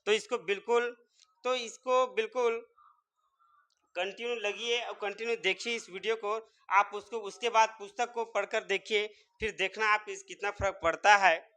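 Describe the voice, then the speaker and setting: A man's voice: high-pitched, fairly even intonation, normal speed, bright, forceful tone. A man teaching English pronunciation step by step, repeatedly quizzing his viewers. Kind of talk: spoken English lesson.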